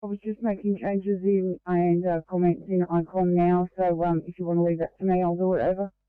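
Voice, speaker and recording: A woman's voice: fairly low pitch, little pitch movement, brisk, clear, resonant tone, no echo. A woman working as an emergency dispatcher, speaking in clipped radio procedure over a walkie-talkie. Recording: narrow, tinny two-way radio transmission.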